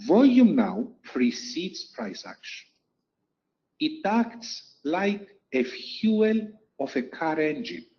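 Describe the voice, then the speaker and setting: A man's voice: fairly high pitch, big pitch swings, takes it slowly, warm tone, highs cut off. A man teaching a lesson over chart slides, explaining step by step and repeating key points for emphasis. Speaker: trading instructor.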